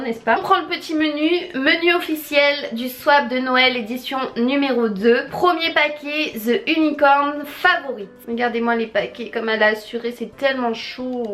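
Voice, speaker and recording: A woman's voice: sits high, fairly bright tone. A young woman vlogging as she unboxes gifts, gushing and exclaiming to her viewers and to the friend who sent them. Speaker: beauty vlogger. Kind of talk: excited unboxing chat.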